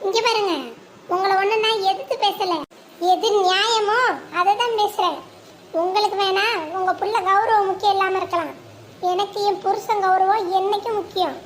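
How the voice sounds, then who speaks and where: A furious young cartoon wife, played in a very high voice, snapping back at her in-laws with sharp, combative scolding. She sounds shrill and piercing, and a faint hiss sits under the voice. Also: fairly even intonation, normal speed. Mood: defiant. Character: fiery young wife defending her husband.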